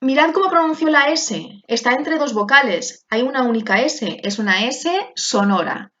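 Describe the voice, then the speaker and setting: A woman teaching a class, explaining pronunciation slowly and repeating each word carefully. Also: high voice, lively intonation, a bit bright, highs cut off. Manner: slow, deliberate, repeats words for pronunciation. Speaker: French teacher.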